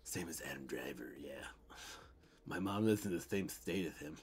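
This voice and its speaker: This young adult man has an extremely low-pitched, expressive voice at normal speed, with slight background noise. Hosting a toy unboxing livestream from his Midwestern bedroom, he chats loosely in a Midwestern accent, answering comments with lots of ums and casual swearing.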